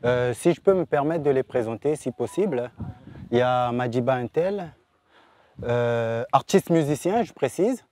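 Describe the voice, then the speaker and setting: Mellow-voiced man, earnest and reflective. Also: mid-range voice, lively intonation, a little hiss or hum. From Republic of the Congo. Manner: earnest, reflective, quiet and deliberate. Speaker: music artist in a challenge. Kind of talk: casual interview statement.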